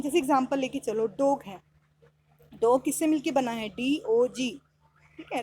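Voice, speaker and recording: A woman teaching an English lesson, explaining in Hindi and reading English sentences slowly, spelling out words letter by letter. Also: sits high, mellow, breathy edge.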